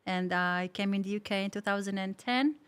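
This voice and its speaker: A woman's voice: medium pitch, fairly quick, fairly bright tone, clean tone. A woman from Romania with a Romanian accent, co-hosting a casual podcast and chatting agreeably, often laughing. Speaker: podcast co-host.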